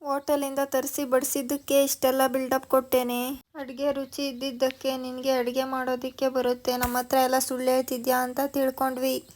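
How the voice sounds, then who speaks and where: A woman's voice: sits high, monotone, a little fast, a little mellow, natural voice. A woman voicing a stern older grandmother who scolds and lectures. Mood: scolding.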